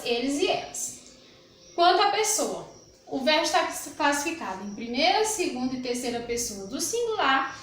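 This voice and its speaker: A woman with a Brazilian Portuguese accent gives a grammar lesson to young pupils in a high voice. She is patient, says words slowly and more than once, and keeps checking that the class follows her. Her voice rings in an echoey room. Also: fairly bright tone. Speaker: primary school teacher. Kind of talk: recorded grammar lesson for children.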